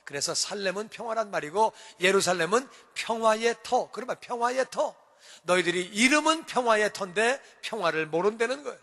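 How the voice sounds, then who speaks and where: High bright-voiced preaching pastor. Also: male voice, lively intonation, a little fast, in a large hall. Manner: emphatic, repetitive preaching with rising calls. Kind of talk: sermon. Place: church sanctuary.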